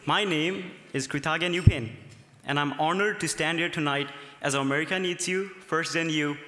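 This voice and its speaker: A man's voice: a little high, moderate pace, pushed and bright. Earnest young man from Nepal at a podium. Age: young adult. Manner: earnest, reading from notes. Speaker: student speaker. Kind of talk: prepared speech at a gala. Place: large ornate hotel ballroom. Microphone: podium microphones. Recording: long reverb of a large hall.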